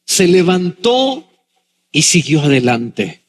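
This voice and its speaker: A pastor preaching to his congregation, his voice pitched high for a man and a little husky. He slows down for dramatic pauses and acts out the people he quotes. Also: very animated. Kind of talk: sermon.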